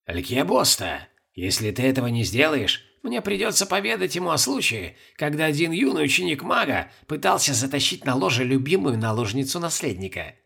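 A male narrator voicing a sharp-tongued, scheming old woman court servant who talks in a dry, needling way. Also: on the high side, big pitch swings, brisk, gravelly, hardly any pauses, slightly rough, full character voice. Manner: dry, needling, quietly triumphant. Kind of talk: audiobook character voice.

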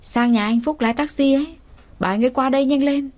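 A woman voicing a helpful grown man next door who gives hurried, urgent orders. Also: a little high, close to an everyday voice. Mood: urgent alarm. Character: worried adult male neighbor, helpful.

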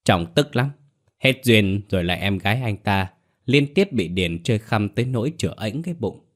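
Brief: male storyteller, low voice, even scripted ghost-tale narration. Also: moderate pace.

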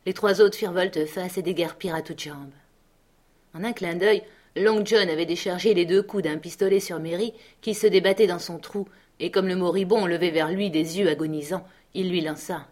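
Woman reading a classic novel aloud. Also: fairly low pitch. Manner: measured, expressive storytelling. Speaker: audiobook narrator.

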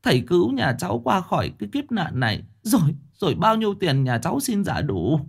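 A man voicing a frightened middle-aged woman in a ghost story, the chief's wife, begging in a high, trembling voice. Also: expressive, normal speed, warm tone, breathy edge. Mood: pleading.

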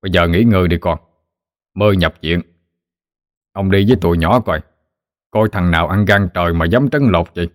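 Man as kind, slow-spoken old healer grandpa; deep, dry studio sound. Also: no echo, natural voice. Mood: gentle.

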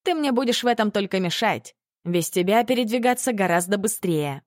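A woman voicing a cold, commanding, bodiless male dark lord in an audiobook, speaking in a clipped, imperious way. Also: medium pitch, lively intonation, brisk, no room sound, clean studio sound, natural voice. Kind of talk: audiobook character reading.

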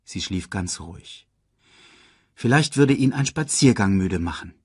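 A man narrating a children's storybook audiobook in a slow, measured reading. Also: deep voice, expressive, slightly rough, dry recording, studio quality.

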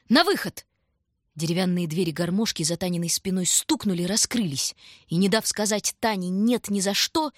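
A woman narrating an audiobook story in a calm, measured way. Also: medium pitch, breathy edge, no echo, clean studio sound.

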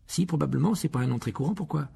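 Man doing a young boy wizard, earnest, slightly raised pitch, rough gravelly voice, audiobook. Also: expressive, quick pace, dark tone, a little hiss or hum. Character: brave twelve-year-old boy wizard.

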